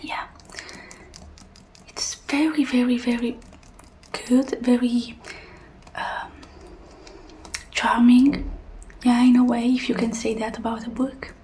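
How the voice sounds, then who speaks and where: A woman in an ASMR role-play as a helpful librarian, speaking in a hushed, breathy soft voice. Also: a little high, level tone, slow pace, pauses often, a little hiss or hum. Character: helpful soft-spoken female librarian suggesting books.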